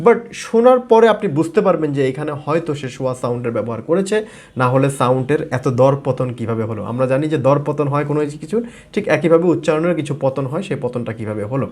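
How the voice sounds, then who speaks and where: A man's voice: fairly high pitch, animated, quick pace, a little mellow. A man from Bangladesh, a native Bengali speaker, teaching English pronunciation in a video lesson, repeating and modeling words with frequent fillers.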